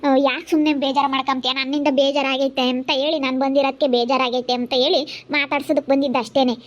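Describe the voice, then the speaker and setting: A woman playing a sharp-tongued sister who argues over caring for their parents, with a rural central Karnataka accent. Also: sits high, little pitch movement, fast, close to an everyday voice. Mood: argumentative. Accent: rural central Karnataka Kannada. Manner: scolding, argumentative. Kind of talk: amateur family drama acting. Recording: muffled lo-fi recording.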